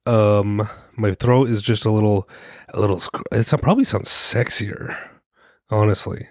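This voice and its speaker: Slightly stuffy from a cold, this podcast co-host wanders through a casual monologue full of jokes and self-mockery. His soothing voice is lowish and darkish, with fairly even intonation at a moderate pace. The studio sound is clean, without any room sound.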